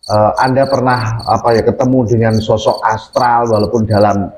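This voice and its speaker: A man hosting a radio interview, asking calm questions and acknowledging his guest often. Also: lowish voice, moderate pace, a little hiss or hum, rough recording. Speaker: radio host. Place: radio studio.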